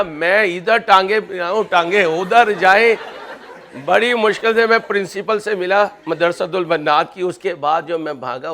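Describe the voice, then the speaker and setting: In a classroom accounting lecture, a man with a high, somewhat bright voice jokes around, blending personal anecdotes with worked examples. He's chatty and addresses his students as "kids."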